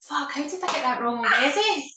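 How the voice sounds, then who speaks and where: A woman's voice: sits high, expressive, fairly quick, bright, forceful tone, a little hiss or hum. A Scottish woman hosting a podcast in casual chat, chatty, laughing easily and swearing now and then. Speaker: podcast host. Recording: roomy echo, mic at a distance.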